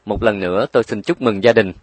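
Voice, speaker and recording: A man voicing a calm, kindly male doctor speaking politely. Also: fairly low pitch, fast talker, no echo, close to an everyday voice. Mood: reassuring.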